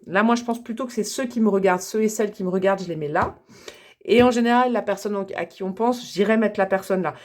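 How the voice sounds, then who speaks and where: A woman's voice: medium pitch, a little mellow. A young woman chatting to viewers as she reads tarot and oracle cards, enthusiastic and laughing often. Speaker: tarot reader. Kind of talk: casual tarot reading to camera.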